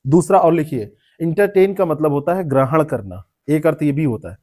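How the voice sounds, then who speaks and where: A man's voice: a little high, animated, moderate pace, darkish tone. A man teaching a classroom lecture, explaining word meanings, repeating terms and quizzing students by name. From India.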